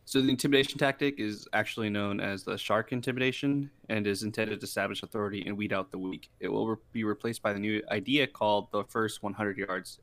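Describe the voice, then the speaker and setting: A young man co-hosting a podcast, talking in a relaxed, rambling way with plenty of fillers. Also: on the low side, no room sound. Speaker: podcast co-host. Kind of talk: casual chat.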